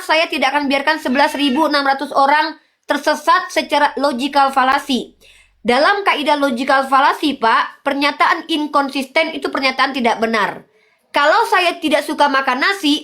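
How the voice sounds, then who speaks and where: A woman's voice: sits high, sharp tone. A woman arguing in a heated debate, lecturing insistently and pressing the same questions again and again.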